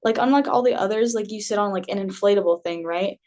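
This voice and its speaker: A young woman spins a personal story for her podcast in a loose, chatty way, dropping "like" constantly and breaking into laughter. Her voice sits at an ordinary middle pitch for a woman. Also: fast, a little mellow. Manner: chatty, heavy use of "like", laughs often. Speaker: podcast host. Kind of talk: casual storytelling.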